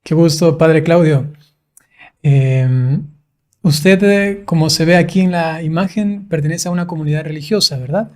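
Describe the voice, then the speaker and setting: A man, a priest, hosting a livestreamed conversation, speaking in a measured way with frequent fillers. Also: a little high, darkish tone. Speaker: priest, host.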